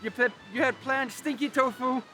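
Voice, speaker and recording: Guy, high voice, laid back and dry, chatting outdoors in a park, faint music. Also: normal speed. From Sweden. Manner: relaxed, wry, filler-heavy. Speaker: guest vlogger. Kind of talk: casual travel vlog chat.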